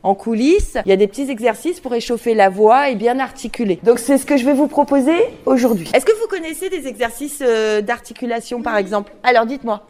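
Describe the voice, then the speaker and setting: A woman's voice: on the high side, animated, a little fast, few pauses, a little mellow. A woman leading a diction workshop for children, playful and demonstrative, asking them many questions.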